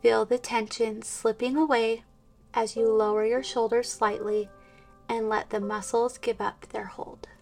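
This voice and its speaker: Woman talking you thru a prayerful meditation, real slow and hushed, kinda far from the mic. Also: a little high, flat delivery, creaky. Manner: slow, soft, soothing, drifting into whispers. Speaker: meditation guide. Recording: distant mic with soft instrumental music.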